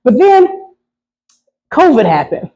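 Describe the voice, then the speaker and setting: A woman's voice: high voice, big pitch swings, slow pace, mellow, lo-fi sound. A woman performing a stand-up comedy set, talking loosely and with lots of swearing, often asking the crowd to agree with her. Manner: loose, profane, keeps asking the crowd "right?".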